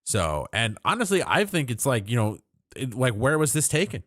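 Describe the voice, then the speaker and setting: A man's voice: mid-range voice, big pitch swings, moderate pace, fairly bright tone, dry recording, clean studio sound. A man hosting a livestream, chatting casually about politics in a rambling way, full of fillers and restarts. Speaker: livestream host.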